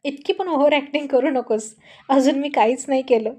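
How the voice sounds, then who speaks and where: A woman voicing a playful, teasing husband in a told love story, in her own fairly high voice. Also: normal speed, a little mellow, close to an everyday voice. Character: teasing affectionate husband, adult man.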